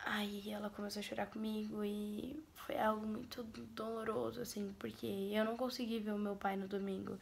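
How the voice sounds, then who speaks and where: A Brazilian woman speaks to her camera in a soft, breathy half-whisper as she recounts a loss. Her voice is flat and somber, with a gravelly edge of vocal fry. A faint hiss sits under the recording. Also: mid-range voice. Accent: Brazilian Portuguese. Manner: grieving, sombre recounting. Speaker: vlogger. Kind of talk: personal storytelling to camera.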